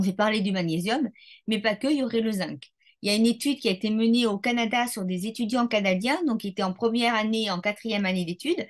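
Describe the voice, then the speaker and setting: Methodical woman neuroscientist explaining step by step. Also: medium pitch. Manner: didactic, methodical, with frequent hesitations. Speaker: neuroscientist guest. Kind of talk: explanatory interview talk.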